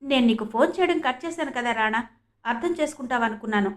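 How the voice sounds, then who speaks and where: A defiant young woman fires back sharp retorts, as a woman reads her in an audiobook. The voice is fairly high and firm. The delivery stays pointed and cutting. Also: quick pace, natural voice. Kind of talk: audiobook character reading.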